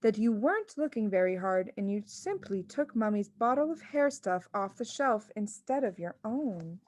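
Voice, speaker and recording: A woman voicing a composed, innocent-sounding little girl in a storybook, speaking softly and politely. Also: medium pitch, expressive, no room sound, natural voice. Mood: calm, knowing. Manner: soft, measured, polite.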